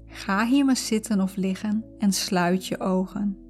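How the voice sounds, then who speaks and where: With music playing behind her, a woman guides listeners through a visualization in a medium-pitched voice. Her delivery is calm, soothing, and unhurried.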